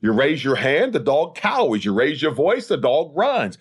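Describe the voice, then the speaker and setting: This evangelist preacher and podcast host delivers an expository sermon at normal speed, his fairly high, slightly rough voice swinging widely in pitch. His style is emphatic, built on a repetitive rhetorical cadence.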